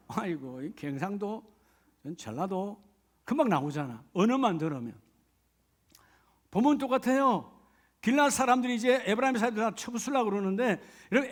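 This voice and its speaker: A middle-aged male pastor preaching a sermon in a conversational way, often asking the congregation rhetorical questions. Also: high voice.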